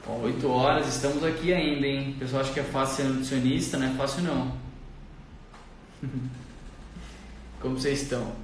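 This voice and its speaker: A man's voice: mid-range voice, steady tone, fairly quick, pauses often, a little hiss or hum. A man hosting a live stream, chatting casually and greeting viewers by name in an upbeat way. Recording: echoey room, far from the mic.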